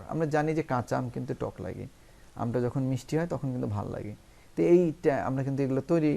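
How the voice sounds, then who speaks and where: A man with a Bangladeshi accent teaching a spoken English lesson in Bangla, drawing out English example sentences slowly and repeating key words for emphasis. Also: mid-range voice, creaky, mellow.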